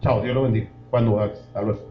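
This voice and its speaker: A man's voice: fairly low pitch, steady tone, fast talker. A man preaching a sermon as pastor, speaking with fervor and addressing the congregation directly. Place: church hall. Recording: roomy, dull church recording.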